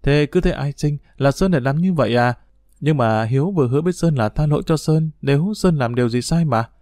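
A man's voice: a little high, a little fast, a little mellow, no room sound, natural voice. A man voicing a playful, teasing teenage schoolgirl, in a story read aloud, recorded dry. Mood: coy. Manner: teasing, coy.

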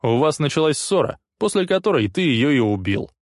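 A man voicing a furious male police detective who snarls his accusations in a hoarse voice. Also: fairly high pitch, big pitch swings, brisk, no echo, clean studio sound, pitched above the performer's own voice. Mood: accusing.

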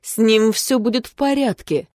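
A woman's voice: a little high, darkish tone, no echo, clean studio sound, natural voice. A woman reading a proud, defiant king. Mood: firm. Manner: slow, solemn proclamation. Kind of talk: audiobook character reading.

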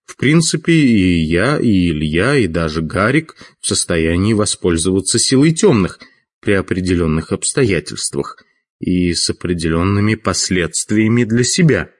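A man voicing an unflappable veteran male mage who talks unhurried and matter-of-fact, in an audiobook. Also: deep voice, animated. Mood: calm.

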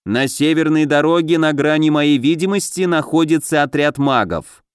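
A jittery house spirit from an audiobook fantasy, chattering fast in a raised, anxious voice, as a man puts him on. The reading is close and dry. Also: on the high side, clean tone, no room sound, lightly acted. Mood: strained. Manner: excited, quick chatter. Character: fretful male house spirit, anxious lookout.

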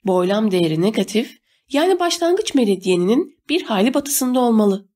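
A woman doing an eager invisible teen boy, high and bright. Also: big pitch swings, moderate pace. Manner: eager, talkative. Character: excitable invisible teenage boy, know-it-all.

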